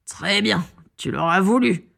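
A woman's voice: lowish voice, fairly even intonation, a little slow, creaky. A woman reading an audiobook voices a crazed male wizard villain who gloats, taunts and threatens. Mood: menacing. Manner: taunting, triumphant, menacing. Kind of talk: audiobook character voice.

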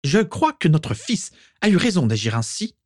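A man's voice: a little high, big pitch swings, moderate pace, dry recording, clean studio sound, pitched above the performer's own voice. A man voicing a stern, commanding pure-blood mother in a storybook reading, giving orders with cold authority. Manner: imperious, ordering.

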